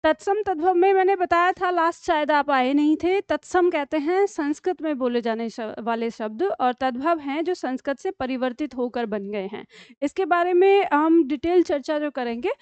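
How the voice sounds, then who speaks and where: High-voiced woman teaching a class. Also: lively intonation, moderate pace, no echo. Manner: explains patiently with many checks like "theek hai?". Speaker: Hindi teacher. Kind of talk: classroom lesson. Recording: dull lo-fi dry sound.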